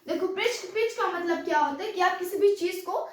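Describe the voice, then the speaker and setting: A woman's voice: very high voice, brisk. A woman teaching a science class, explaining step by step in Hindi mixed with English terms and often asking if there are doubts. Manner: mixes English terms into Hindi, repeats checks like "any doubt". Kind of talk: classroom lecture. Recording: echoey room, voice from far off.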